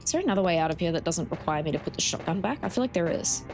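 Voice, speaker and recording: A woman game streamer with an animated, swinging pitch talks casually to her viewers. Her commentary is informal and peppered with swearing, with game music clearly behind her. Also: very fast. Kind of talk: casual live gameplay commentary.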